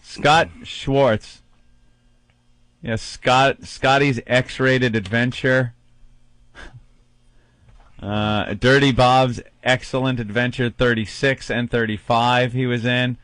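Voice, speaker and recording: A man's voice: medium pitch, fairly even intonation, slow, long pauses, a bit bright, dry recording. A man with an American accent bantering casually as co-host of a comedy radio show.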